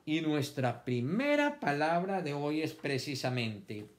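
A man's voice: a little high, big pitch swings, takes it slowly. A man teaching a children's vocabulary lesson, stretching words out syllable by syllable and repeating them for the class to copy.

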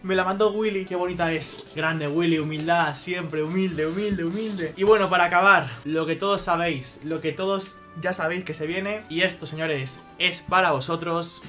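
A young man with a Spain Spanish accent talks in a high, bright register as he unboxes on camera. He is excitable, keeps exclaiming and swears freely, and faint music plays underneath. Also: moderate pace, hardly any pauses. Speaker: YouTuber.

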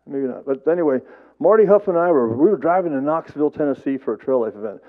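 A man giving a eulogy to an audience, telling stories in a rambling, halting way with repeated words and folksy humor. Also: fairly high pitch, lively intonation. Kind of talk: storytelling speech to a gathered audience. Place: memorial service, before an audience. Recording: tinny phone-like sound.

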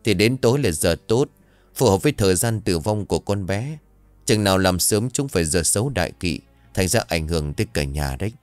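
A man's voice: low voice, lively intonation, brisk, no room sound, soft background music. A man doing a stern old ritual master. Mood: grave. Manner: grave, pronouncing tone.

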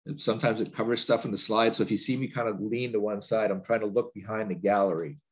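A man with a lowish, breathy voice talks fast in a steady tone, stuffy from a cold. He's giving a training webinar over a laptop video call from his home office, speaking in loose sentences full of fillers and restarts.

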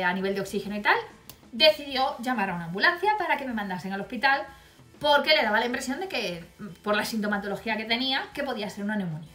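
A woman tells a personal story for her vlog, bright and fairly high in voice. She talks bluntly and wryly, with no filter on her swearing. The room around her rings with echo, and faint music plays underneath. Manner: blunt, profane, wry storytelling. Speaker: vlogger.

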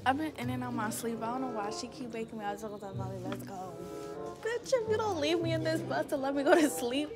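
A young woman from Brooklyn, vlogging into her phone on a long bus ride, sleepy and worn out, talking loudly and bluntly with lots of swearing as she complains. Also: high-pitched, quick pace, hardly any pauses. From Brooklyn, New York. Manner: loud, blunt and profane, complaining. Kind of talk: casual vlog to camera. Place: on a long-distance coach bus. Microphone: phone camera. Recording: loud music over the voice.

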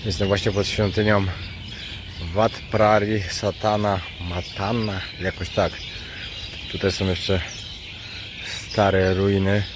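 A man's voice: on the low side, noisy background. A man with a Polish accent chatting casually as a travel vlogger, rambling in slangy, colloquial speech and thinking aloud. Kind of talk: casual rambling vlog chat.

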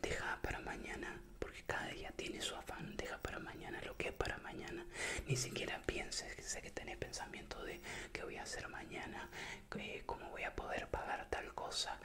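A young man with a Latin American voseo accent delivers a whispered pep talk for ASMR. His voice stays in a breathy, unvoiced whisper, close to the mic. He repeats words soothingly and keeps an encouraging manner. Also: fairly quick. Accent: Latin American Spanish with voseo. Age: young adult. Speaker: ASMR creator. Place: small indoor room with bare wall. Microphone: desk microphone up close.

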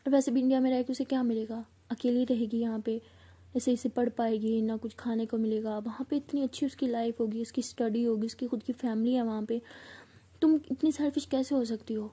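Woman as protective best friend, husky, firm. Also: fairly high pitch, steady tone, brisk, mellow. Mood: scolding. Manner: fussing, scolding, reassuring.

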